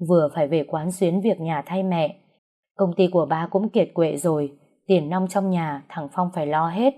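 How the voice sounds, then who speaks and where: Grieving stepfather, older man, gentle, halting, voiced by a woman narrator. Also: on the low side, natural voice.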